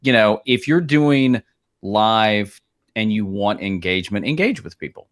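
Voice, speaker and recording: A man's voice: on the low side, expressive, unhurried. A man co-hosting a live streaming advice show, talking casually in a rambling way with many restarts and fillers. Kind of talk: casual chat.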